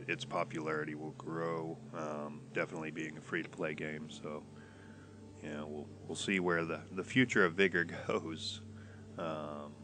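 A gaming YouTuber with a stuffy nose from a cold comments casually while he plays. His voice sits low and sounds pushed and bright, and he rambles hesitantly with many restarts.

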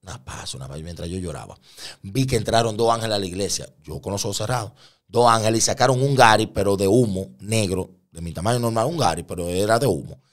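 Low-voiced man telling a vivid testimony. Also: quick pace. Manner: vivid storyteller, acts out quoted voices. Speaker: guest giving a testimony. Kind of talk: conversion testimony in an interview.

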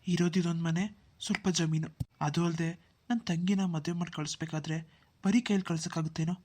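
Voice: mid-range voice, fairly even intonation, brisk, darkish tone, close to an everyday voice. A voice actor playing a poor, anxious young village man worried about his sister. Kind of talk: Kannada cartoon dialogue.

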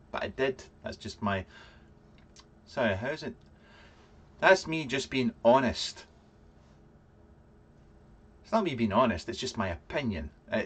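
A man's voice: lowish voice, breathy edge. A man in his thirties with a Fife Scottish accent, hosting a casual livestream vlog, rambling and dryly joking as he answers chat comments. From Fife, Scotland. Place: small cluttered home room, indoors.

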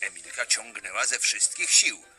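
A man reading a children's story aloud, expressive and animated. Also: fairly low pitch, normal speed, soft background music.

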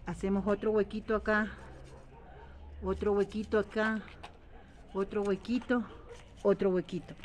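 A woman's voice: mid-range voice, flat delivery, measured pace, long pauses, a little mellow. Ecuadorian woman planting in a noisy garden. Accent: Ecuadorian highland Spanish. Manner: chatty, step-by-step, repetitive, addresses viewers as friends. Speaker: home gardening vlogger. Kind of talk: casual how-to vlog. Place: outdoor vegetable garden. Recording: outdoor noise, animals and traffic.

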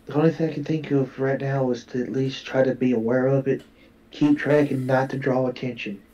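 Hesitant player on a distant mic. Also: male voice, medium pitch, steady tone, brisk, mellow. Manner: hesitant, thinking aloud. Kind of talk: casual tabletop play. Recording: distant mic with faint noise.

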